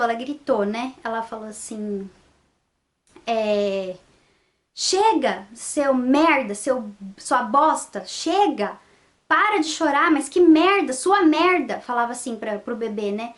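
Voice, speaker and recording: Young woman vlogger, high pitch, indignant storyteller. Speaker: vlogger and mother. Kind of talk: casual vlog monologue.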